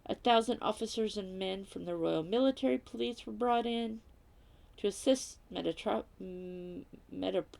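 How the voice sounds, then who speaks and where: This woman chats in a self-deprecating way and reads aloud as she does diamond painting for her home craft vlog. She speaks at normal speed with a medium-pitched, gravelly voice, a slightly stuffy nose, and frequent soft whispers.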